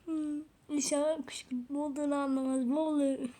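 High-voiced woman chatting over gameplay. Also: level tone, moderate pace, mellow. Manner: chatty and exclamatory, often laughing. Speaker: gaming channel host. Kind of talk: casual gameplay commentary.

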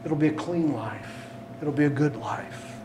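A male pastor preaching a sermon, animated and swinging between loud calls and hushed asides, recorded in a church sanctuary. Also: fairly high pitch, a little slow, background noise. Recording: echoey room, mic at a distance.

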